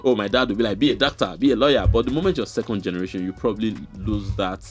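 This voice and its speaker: A man co-hosting a sports podcast, talking in a relaxed way and thinking aloud. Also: lowish voice, rapid-fire, music in the background. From Nigeria. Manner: relaxed, thinks aloud with fillers, chuckles often. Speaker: podcast co-host. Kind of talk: casual sports chat.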